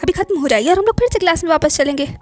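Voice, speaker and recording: A woman's voice: very high voice, expressive, very fast, a little mellow, soft background music. A woman voicing a bubbly, carefree teenage schoolgirl who chatters and teases her friend in an audiobook story. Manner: chatty, teasing, playful.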